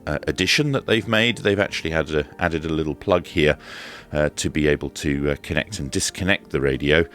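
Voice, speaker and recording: A British man gives a casual, informal, hands-on product review, unboxing and demonstrating the item as he talks. His rumbling low voice is a bit bright and a little fast, with soft music in the background.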